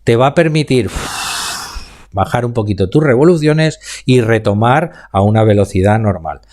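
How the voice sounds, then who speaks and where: A man with a Spanish accent from Spain teaches public speaking in a live online class, fielding chat questions and slowing down to show how pauses and emphasis work. His voice is mid-range, animated, and somewhat dark in tone.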